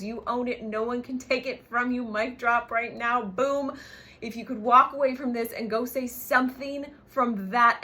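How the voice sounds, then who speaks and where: A brand coach and business co-owner gives an emphatic motivational livestream talk, swearing casually and regularly checking in with short tag questions. Her voice sits on the high side and sounds a bit bright.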